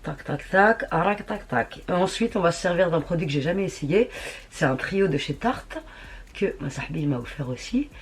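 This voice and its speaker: Testing makeup at home, this woman talks in a low, expressive voice at a slightly fast clip, peppering her casual tutorial chat with crude slang and jokes at her own expense. Slight background noise can be heard.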